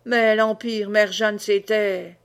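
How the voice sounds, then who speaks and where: A woman voicing a drunk, boastful old peasant man who blusters oaths and hiccups, slightly lower and slower than her own voice. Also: steady tone, smooth.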